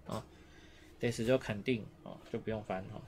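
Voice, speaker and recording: A man's voice: fairly low pitch, moderate pace, gravelly, a little hiss or hum. A man teaching a beginner Japanese lesson, explaining patiently and repeating himself with many "oh" fillers. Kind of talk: online language lesson.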